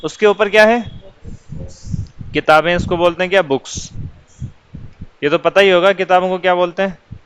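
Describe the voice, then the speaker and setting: A man's voice: high voice, fairly even intonation, long pauses, fairly bright tone, smooth, no echo, poor audio. A male teacher patiently explaining English words for children, asking questions and answering them himself.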